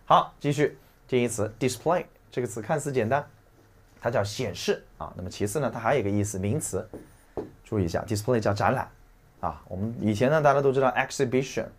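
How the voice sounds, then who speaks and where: A man teaching English vocabulary in a chatty lecture. He uses many filler particles and slows down to read English phrases aloud. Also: medium pitch, slight background noise. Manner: explains in a chatty way, with frequent trailing "啊" and "对吧".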